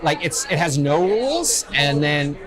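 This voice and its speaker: Over loud music and crowd noise at a festival venue during a convention, a man co-hosts a podcast's casual fan chat, full of enthusiasm and opinions. His voice is fairly high with big pitch swings, and he keeps a measured pace.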